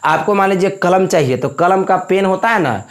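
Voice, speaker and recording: A man with a high-pitched voice teaches a spoken English lesson, explaining in Hindi. He goes over each point several times and keeps checking that his students follow. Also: fairly quick. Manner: repetitive, explaining with frequent check-ins.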